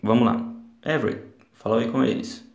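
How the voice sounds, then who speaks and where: A man's voice: mid-range voice, normal speed, creaky, reverberant, soft background music. A man hosting a podcast lesson, explaining and talking directly to his learners. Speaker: podcast host and English teacher.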